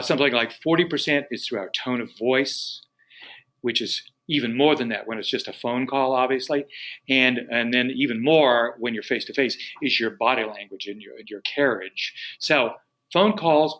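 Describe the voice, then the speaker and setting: A man's voice: mid-range voice, a bit bright, low-quality recording. A man leading a live training webinar for real estate agents, talking in a folksy, encouraging, conversational way.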